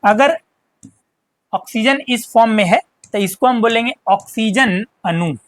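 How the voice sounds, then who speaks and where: Woman teacher, chemistry lesson, somewhat high voice, dry recording, asks and answers her own questions. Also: measured pace, no room sound.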